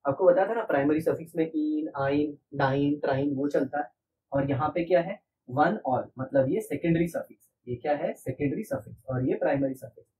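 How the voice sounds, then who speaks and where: A man's voice: fairly high pitch, normal speed, a little mellow, recorded from a distance, slight background noise, low-quality recording. A man teaching a chemistry lesson, patient and repetitive, asking his class rhetorical questions. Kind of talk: classroom lecture.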